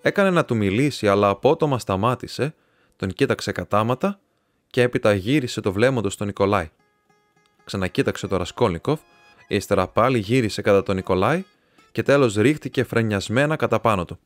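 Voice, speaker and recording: A Greek man narrating a classic novel as an audiobook reader, steady and even. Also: lowish voice, dry recording, faint music behind. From Greece. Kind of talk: scripted narration.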